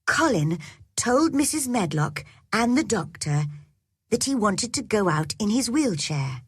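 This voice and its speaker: A woman reading a graded storybook aloud for English learners, in a clear, measured manner. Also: mid-range voice, big pitch swings, no echo, studio quality. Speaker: audiobook reader. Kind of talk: slow storybook narration for learners.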